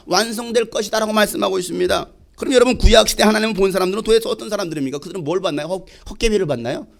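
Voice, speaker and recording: A male pastor preaching a sermon, asking rhetorical questions and swinging between loud emphasis and quiet asides. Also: sits high, gravelly. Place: church sanctuary.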